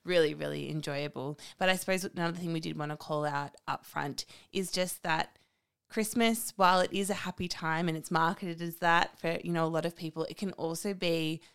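A young woman co-hosting a laid-back podcast chat. Her voice is very low for a woman, and she talks in a candid, frank way, with dry asides. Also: fairly even intonation, brisk, creaky, fairly bright tone, clean tone. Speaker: podcast co-host. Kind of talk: casual chat.

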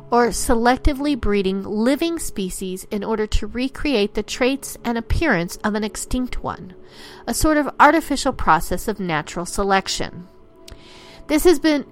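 A woman reading an explanatory scripted narration in the manner of a nature documentary, in long formal sentences. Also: medium pitch. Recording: voice-over with music underneath. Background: music.

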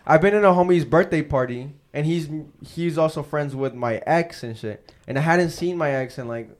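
A man's voice: on the high side, moderate pace. A young man chatting casually as a podcast host, with an emphatic frat-bro manner full of slang and swearing. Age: young adult.

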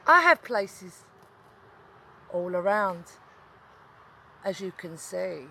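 A woman's voice: mid-range voice, very animated, drawn-out words, vocal fry, pushed and bright, a little hiss or hum, heavily acted. A woman playing a gloating demon queen of the underworld in a menacing villain promo, with cackling laughs.

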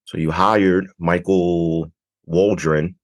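A man with a croaky, froggy morning voice hosting a casual, slangy video podcast, talking straight to his listeners. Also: low-pitched, steady tone, takes it slowly. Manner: informal, slangy, addresses listeners directly. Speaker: podcast host. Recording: music behind the voice. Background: music.

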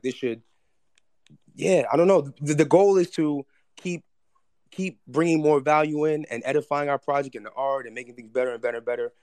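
A man's voice: mid-range voice, darkish tone, no echo, clean studio sound. A man speaking casually to his community as a project founder, earnest and slangy, often restating his point. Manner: earnest, slangy, repeats himself.

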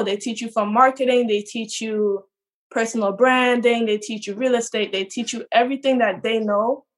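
A young woman talks eagerly on a video call as a podcast guest. She tells her story openly, and her voice sits a little high. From Trinidad. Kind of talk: casual podcast interview.

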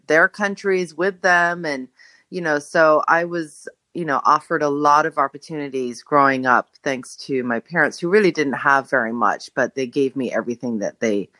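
A middle-aged woman from Jamaica, a podcast guest telling her story in a reflective way, pausing to search for words. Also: sits low, sharp tone, dry recording. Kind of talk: casual conversation.

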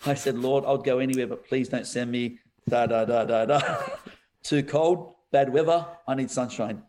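A man, a pastor, recounts a story in a podcast interview. He talks in a lively, animated way, laughs often and calls the listener "bro." His voice sits in a middle pitch. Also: moderate pace, a little hiss or hum.

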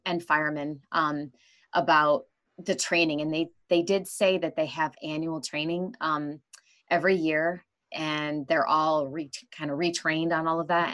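A woman hosts a podcast in a relaxed conversation, chatting with frequent filler phrases. Her voice sits very low for a woman. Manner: chatty, many fillers like "you know". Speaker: podcast host. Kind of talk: casual conversation.

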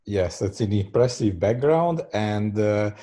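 A man's voice: lowish voice, lively intonation, mellow. A man from Belgium hosting a podcast, interviewing a guest with frequent fillers. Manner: halting, many fillers. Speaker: podcast host.

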